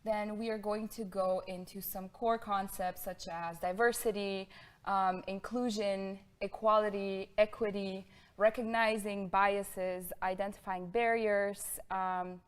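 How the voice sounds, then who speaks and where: A young woman from Bulgaria gives a lecture in a smooth, clear voice. She is friendly and fills pauses with ums, then rushes ahead in quick bursts. The sound comes from a camera a little way off in a studio room. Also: medium pitch, level tone. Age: 20s. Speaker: guest lecturer. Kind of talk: presenting a lecture. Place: studio room with pink sofa.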